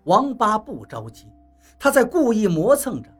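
Audiobook narrator, woman, husky and animated, soft music bed. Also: medium pitch, moderate pace. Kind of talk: novel narration. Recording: faint background music.

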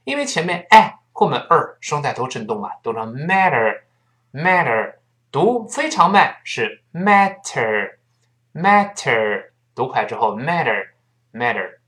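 A man teaching a spoken English lesson in Mandarin Chinese, spelling words letter by letter and drilling phrases slowly. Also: mid-range voice, wildly swooping pitch, fairly bright tone.

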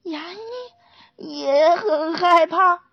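A woman teacher reading a picture book to young children, slow and animated with many interjections. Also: extremely high pitch, vocal fry, dull audio.

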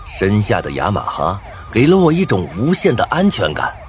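A man narrates a tense first-person story in a low voice. His pitch swings dramatically from hushed to excited, over faint background music. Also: moderate pace.

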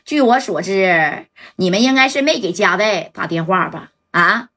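A woman's voice: mid-range voice, expressive, moderate pace, fairly bright tone. A woman voicing an arrogant male gang boss who taunts and threatens. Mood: menacing. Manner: taunting, bullying.

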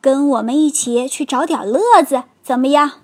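A woman voicing a bossy big bully bear boy who taunts loudly in a storybook. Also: high-pitched, normal speed, close to an everyday voice. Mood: sly. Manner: taunting, loud.

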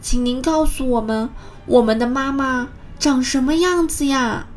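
A woman doing squeaky eager little tadpoles. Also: measured pace, soft background music. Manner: high, childlike calling.

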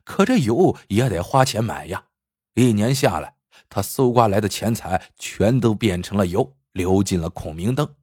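A man narrating a folk tale in an animated, vivid storytelling manner. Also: lowish voice, moderate pace, slightly rough, no echo, clean studio sound.

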